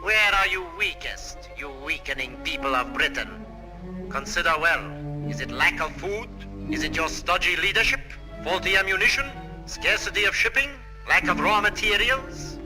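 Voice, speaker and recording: Sneering enemy broadcaster, slightly high, over loud music from an old film soundtrack. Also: male voice, expressive. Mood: taunting. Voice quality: taunting, measured. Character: sinister male propaganda broadcaster, mocking and cold. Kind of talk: 1940s film acting.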